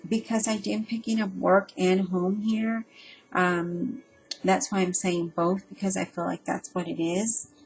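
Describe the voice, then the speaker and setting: A woman reads tarot cards aloud in a relaxed, off-the-cuff way, addressing the listener directly. She stops and starts often, repeating herself and filling pauses with ums. Her voice sits at an ordinary middle pitch, with a faint ambient hum behind her. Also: creaky, low-quality recording. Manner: hesitant and halting, with frequent ums and self-repeats. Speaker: tarot reader. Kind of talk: casual spoken tarot reading.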